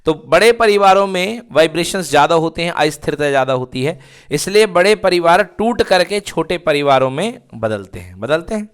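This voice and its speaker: A man's voice: a little high, expressive, moderate pace, smooth. A male physics teacher lecturing to students, repeatedly asking questions and answering them himself. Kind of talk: classroom lecture.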